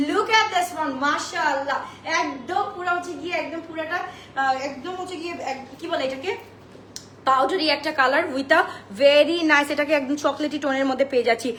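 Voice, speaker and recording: A woman's voice: high voice, fairly even intonation, fairly quick, a bit bright. A young woman selling clothes on a live stream, chatting to viewers, mixing in English and rattling off sizes in a sing-song list. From Bangladesh. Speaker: online clothing seller. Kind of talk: live-stream sales pitch. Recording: echoey room with faint noise.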